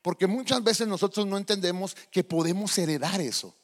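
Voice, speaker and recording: A male pastor preaching a sermon, animated and asking the congregation questions. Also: high voice, a little fast. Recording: long hall reverb.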